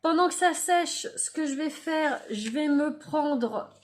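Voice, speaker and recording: A woman hosting a craft tutorial, calmly describing each step as she works. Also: sits high, takes it slowly, slight background noise.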